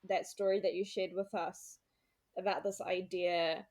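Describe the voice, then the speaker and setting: Lower-pitched woman hosting a casual discussion. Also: little pitch movement, unhurried, a little mellow. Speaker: podcast host.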